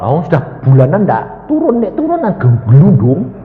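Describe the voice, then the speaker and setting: A man's voice: a little high, huge pitch swings, moderate pace, phone-quality sound, faint music behind, pitched above the performer's own voice. A preacher voicing a man just out of a coma, speaking in a blunt, demanding way. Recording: echoey hall with reverb.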